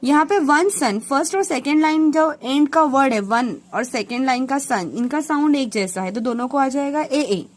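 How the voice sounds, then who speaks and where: A woman's voice: high voice, normal speed, hardly any pauses. A woman teacher from Mumbai with a Mumbai accent, explaining a poem step by step and mixing English terms into her Hindi.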